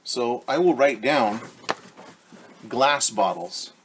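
During a read-aloud for young children in a living room, a teacher in his forties speaks to them directly and repeats key words. He takes his time, sounding animated at a medium pitch, with slight background noise.

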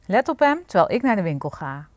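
A woman's voice: mid-range voice, very animated, brisk, dry recording, close to an everyday voice. A woman reading aloud and voicing a grumpy male ogre who bellows his orders, for a children's storybook. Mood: demanding. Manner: bellowing shouts.

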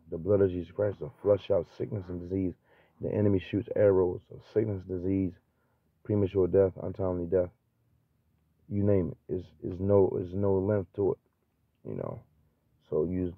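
Deep gravelly man preaching over a tinny line. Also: no room sound. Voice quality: stutters. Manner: halting, many fillers and restarts. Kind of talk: informal freestyle preaching. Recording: tinny phone-like, dry.

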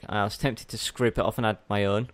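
A man's voice: fairly low pitch, steady tone, a little fast. Rambling young man narrating gameplay. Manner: rambling, self-correcting, chatty. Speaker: let's play host. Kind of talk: casual gameplay commentary.

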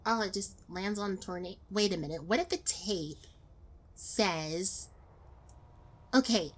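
A woman's voice: mid-range voice, measured pace. A woman streamer commenting on a horror game and thinking aloud as she plays.

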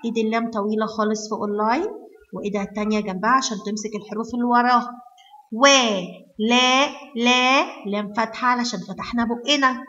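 A woman with an Egyptian Arabic accent teaching young children to read, sounding out letters slowly and praising them often. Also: a little high, flat delivery, fairly bright tone, lo-fi sound. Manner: slow, drawn-out sounding of letters, praising and coaxing. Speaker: kindergarten teacher. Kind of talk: online phonics lesson for young children.

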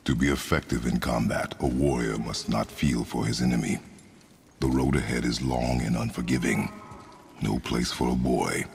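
A man's voice: a bass voice, fairly even intonation, moderate pace, creaky, big-room sound, slight background noise. An actor playing a stern, grim warrior father who speaks in terse, commanding lines, in a video game.

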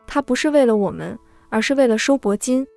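A woman's voice: a little high, lively intonation, brisk, vocal fry, darkish tone, no room sound. A woman narrating a first-person family story as a scripted reading, in a sorrowful, heartfelt manner. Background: faint background music.

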